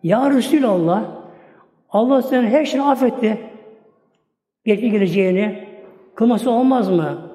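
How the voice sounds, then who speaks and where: A man's voice: sits high, normal speed, long pauses, mellow, pitched above the performer's own voice, natural voice. A man voicing a devoted young wife who earnestly urges her husband. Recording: echoey hall reverb.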